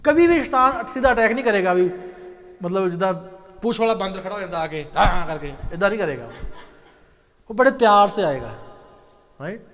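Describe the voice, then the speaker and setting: A male pastor giving a lively sermon, often asking his congregation questions and slipping in English phrases. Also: sits high, fairly quick, in a large hall. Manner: animated preaching, asks the congregation questions, mixes in English. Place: church hall.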